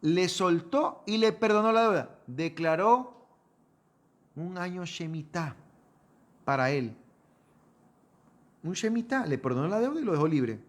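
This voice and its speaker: A man's voice: high-pitched, animated, measured pace, long pauses. A man giving a sermon. He reads scripture aloud, explains it, keeps calling listeners "brother" and asks rhetorical questions. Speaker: preacher teaching a Torah portion.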